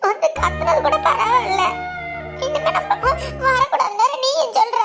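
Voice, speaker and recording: A woman voicing a heartbroken young village woman in a cartoon, pleading and weepy, with a southern Tamil accent. Her voice is squeaky and very high. Background music plays under the voice. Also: creaky, heavily acted. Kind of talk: cartoon voice acting.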